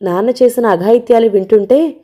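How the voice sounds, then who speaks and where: A woman voicing an ill young woman who speaks softly, pleading and resigned. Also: a little high, fairly quick, close to an everyday voice. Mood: weary pleading. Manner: soft, pleading, weary.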